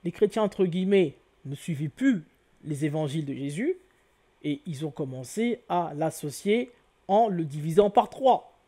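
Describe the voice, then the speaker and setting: A man's voice: on the high side, animated, normal speed, warm tone. A man giving an explanatory lecture to viewers, spelling out letters one by one and often correcting himself. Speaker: lecturer on word origins.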